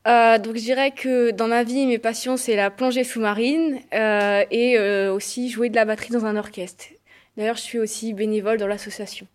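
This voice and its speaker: Teenage girl with a higher voice. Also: fairly even intonation, normal speed. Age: teen. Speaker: high school student.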